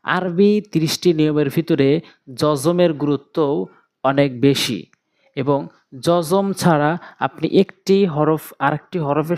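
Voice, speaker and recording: A man with a Bangladeshi Bengali accent teaching Quran reading step by step, slowly drilling and repeating letter sounds. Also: fairly high pitch, a little mellow. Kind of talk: step-by-step recitation lesson.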